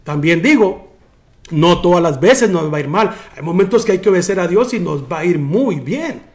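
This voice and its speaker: A man pastor preaching a sermon, often calling out "brother" and dropping soft and low for emphasis. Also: animated, normal speed. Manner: preaching with repeated "hermano" and restarts.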